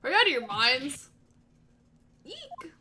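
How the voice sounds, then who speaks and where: A woman reading as a gruff buddy-buddy cop. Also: fairly high pitch, big pitch swings, normal speed, sharp tone, slight background noise. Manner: folksy, calls everyone pal. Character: gruff, loyal adult male police detective.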